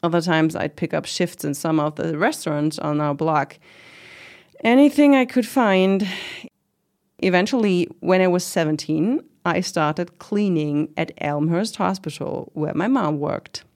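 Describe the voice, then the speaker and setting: Her pitch fairly low and her pace measured, with a slightly mellow tone, the actress plays a proud commune organizer in middle age. In the conversational interview drama she sounds candid and reflective, with a light wry edge.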